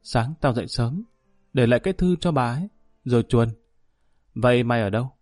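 A man voicing a sad young runaway son who quietly tells of his hardships in an audiobook story. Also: mid-range voice, lively intonation, fairly quick, no echo, faint music behind, lightly acted.

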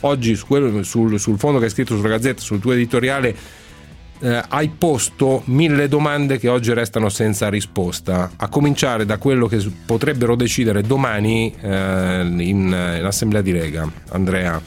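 A man's voice: fairly low pitch, moderate pace. Male radio host over faint music. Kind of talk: conversational radio hosting.

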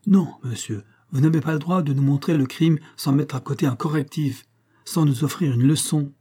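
A man's voice: fairly high pitch, normal speed, mellow, breathy edge, voice pushed up. A man voicing a stern aristocratic count who lectures indignantly in a raised voice. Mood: stern, moralizing. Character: stern aristocratic older male count, moralizing.

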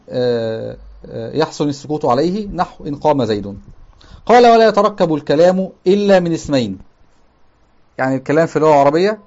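A man's voice: on the high side, darkish tone, lo-fi sound. Man teaching grammar, repeating terms. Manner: explains step by step, repeats key terms, checks understanding with "تمام؟". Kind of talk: lecture explaining a classical grammar text.

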